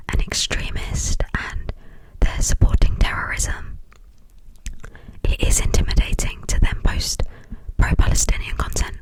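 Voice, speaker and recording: A young adult from the United Kingdom speaks in a hushed, breathy whisper, rambling informally and hesitantly in an ASMR style. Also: poor audio. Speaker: ASMR video creator.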